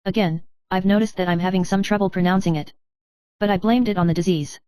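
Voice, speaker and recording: A woman reads a first-person tale aloud at an even, measured pace. Her voice is smooth and clear, with a mid-range pitch. The recording is dry and close. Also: no room sound. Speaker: narrator. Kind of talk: scripted first-person story narration.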